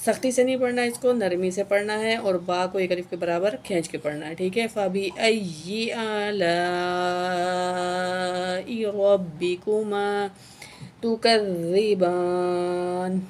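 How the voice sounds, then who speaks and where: A woman teaching Quran reading who spells out each letter and vowel mark, then slowly recites each word and stretches it out, often stopping to say "okay". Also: medium pitch, darkish tone, a little hiss or hum. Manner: often adds a checking "okay" after each rule.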